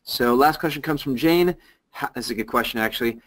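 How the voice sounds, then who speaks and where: A male webinar host reads audience questions aloud in a relaxed, conversational way. He echoes short affirmations between answers, and his voice sits at an ordinary middle pitch. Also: brisk. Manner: casual, repeats affirmations.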